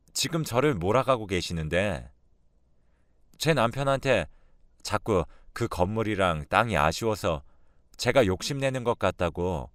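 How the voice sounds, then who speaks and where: A man reads a first-person radio story in a low voice that stays animated as he tells it. His manner is weary and resigned. The recording is close and dry. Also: no echo.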